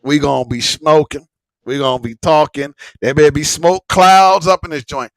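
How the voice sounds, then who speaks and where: A man's voice: on the high side, steady tone, normal speed, no room sound, low-quality recording. A man hosting a casual livestream chat, rambling and repeating himself with slang and frequent swearing. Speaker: host of a live smoke-session stream.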